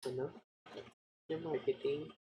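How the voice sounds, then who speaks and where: A woman's voice: low-pitched, fairly even intonation, a little slow, slightly rough, lo-fi sound. A woman with a Filipino accent doing casual, joking live game commentary as a streamer. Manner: casual, joking, mixes English with Tagalog. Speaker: esports caster and streamer.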